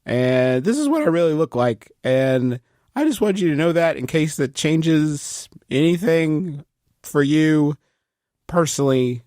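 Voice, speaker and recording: A man's voice: fairly high pitch, lively intonation, unhurried, a little mellow, no room sound, clean studio sound. A man playing his character in a tabletop game, flippant and joking. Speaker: player.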